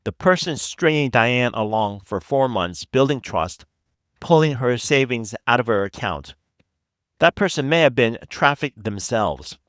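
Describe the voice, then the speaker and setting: A man hosting a podcast, giving scripted investigative narration in a measured, reflective way with deliberate emphasis. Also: medium pitch, lively intonation, fairly bright tone, no room sound. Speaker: podcast host.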